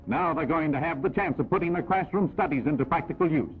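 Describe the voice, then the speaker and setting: A man narrating a 1940s wartime newsreel in a brisk, upbeat announcer manner, heard from an old film soundtrack. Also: on the high side, phone-quality sound, loud music behind the voice.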